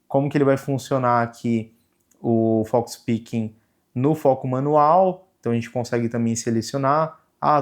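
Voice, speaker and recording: A Brazilian man with a mid-range male voice explains a camera menu in a casual, hands-on tutorial. He's relaxed, goes step by step, and often says "né" and "tá," recorded on a camera microphone.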